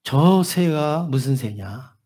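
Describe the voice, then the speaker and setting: A male pastor voicing a frail, forgetful elderly father who asks questions softly and slowly. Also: fairly high pitch, expressive, husky, full character voice. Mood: gentle. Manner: soft, slow, hesitant questions.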